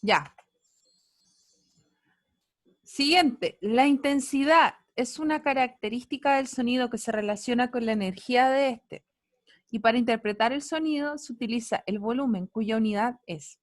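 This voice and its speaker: A woman's voice: fairly high pitch, moderate pace, no echo, clean studio sound. A woman teacher giving an online physics class, playful and teasing, asking students many questions. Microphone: computer mic on a video call.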